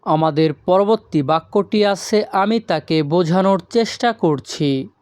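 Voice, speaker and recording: Slow, deliberate language teacher. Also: medium pitch, darkish tone, no room sound, studio quality. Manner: slow, deliberate, repeats phrases word by word. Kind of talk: beginner language lesson.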